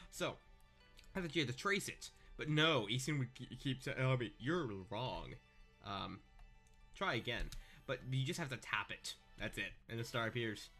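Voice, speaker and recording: A man's voice: medium pitch, animated, normal speed, pushed and bright. A young man giving casual, sarcastic commentary over a video game he is playing, breaking off into joking asides. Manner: sarcastic, joking asides, wanders off mid-sentence. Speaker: let's-play gamer. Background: faint game music.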